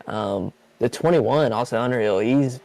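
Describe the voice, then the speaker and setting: Excited man calling a sim race. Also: medium pitch, unhurried, vocal fry, slight background noise. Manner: excited, casual play-by-play with restarts. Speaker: race commentator. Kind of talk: sim racing commentary.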